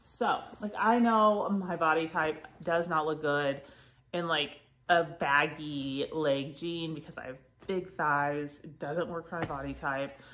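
Woman reseller, thirties, slightly low voice, stuffy nose; casual, chatty haul vlog delivery. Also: measured pace, slight background noise. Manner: chatty, frequent fillers, lively asides. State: congested, sniffly. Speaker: reseller vlogger.

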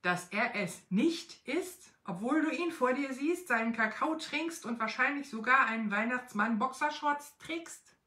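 A woman voicing a small, quick-tempered female Christmas elf who scolds in a high voice, in an echoey room. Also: lively intonation, bright, forceful tone, heavily acted. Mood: angry.

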